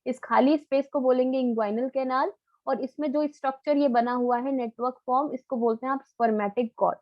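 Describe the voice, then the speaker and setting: A woman's voice: sits high, fairly even intonation, normal speed, no echo, muffled recording. A woman biology teacher giving a live online lecture, coaxing answers out of her students in a familiar, quizzing way.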